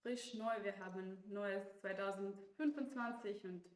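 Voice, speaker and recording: In an echoey room, a woman from Ukraine co-commentates as a guest on a chess stream, chatting casually. She is hesitant, full of fillers and restarts, and laughs a lot; her voice is mid-range and a little slow.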